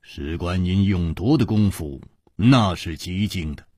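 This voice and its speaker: A man voicing a calm, clever male swordsman hero who reasons things through with small scoffs. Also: sits low, slightly rough, no room sound, studio quality, exaggerated voice. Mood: reasoning. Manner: measured, reasoning, with little scoffs.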